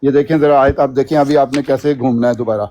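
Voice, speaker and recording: A man's voice: mid-range voice, steady tone, mellow, muffled recording. A man in a heated religious debate, reciting verses and pushing back with questions. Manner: measured, pushes back with questions.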